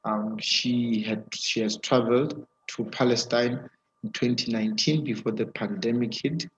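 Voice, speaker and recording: A man hosting a live webinar interview over an online video call with a weak connection, talking haltingly with many fillers and restarts. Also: medium pitch, steady tone. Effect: heard over an online video call with a weak connection. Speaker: webinar host. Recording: dull, muffled video call audio.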